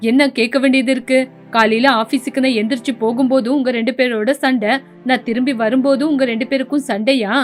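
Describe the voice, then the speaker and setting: A woman voicing a tired, stern young husband who lectures impatiently in an animated story. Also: high-pitched, quick pace, soft background music, close to an everyday voice. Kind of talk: storybook voice acting.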